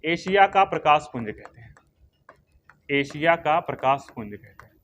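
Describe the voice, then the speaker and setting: High-voiced man drilling exam facts. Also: lively intonation, normal speed, fairly bright tone, slight background noise. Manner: repeats questions and answers them himself, calls students bhaiya; drills key names by repetition, dictates notes. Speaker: history teacher. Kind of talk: exam coaching class.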